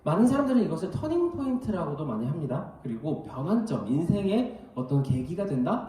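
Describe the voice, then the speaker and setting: Man, pastor, sermon, animated storyteller, swooping pitch, booming hall echo. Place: church hall. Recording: very echoey hall, mic at a distance.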